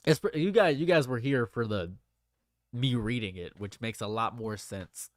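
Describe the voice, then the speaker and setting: A man's voice: mid-range voice, moderate pace, no room sound. A man in his late twenties chatting casually on a livestream, rambling and repeating his phrases. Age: late 20s. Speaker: streamer.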